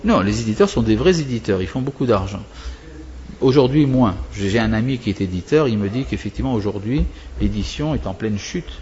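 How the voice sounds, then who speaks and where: A man's voice: fairly low pitch, animated, a little fast, darkish tone, lo-fi sound. Man teaching in a digressive, questioning way. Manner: digressive, asks and answers his own questions. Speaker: religious teacher. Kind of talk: explanatory talk to students.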